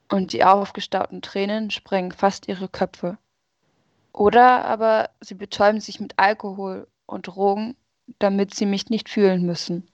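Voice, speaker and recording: A woman's voice: medium pitch, darkish tone, dry recording, lo-fi sound, lightly acted. A woman voicing sorrowful, rejected Sadness. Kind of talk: story reading.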